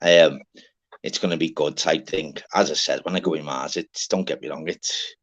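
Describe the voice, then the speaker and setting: A man's voice: rumbling low, fairly even intonation, normal speed, husky. Rambling Scouse man, dull lo-fi sound. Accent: Liverpool. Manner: rambling, repetitive, broken-up sentences. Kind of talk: casual sweary banter. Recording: dull lo-fi audio.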